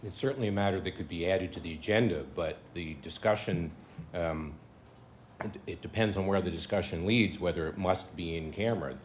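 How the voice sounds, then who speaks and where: Male solicitor, very low voice, careful cautionary advice to council. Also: fairly quick, slight background noise. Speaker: town solicitor. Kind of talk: legal advice at a council meeting.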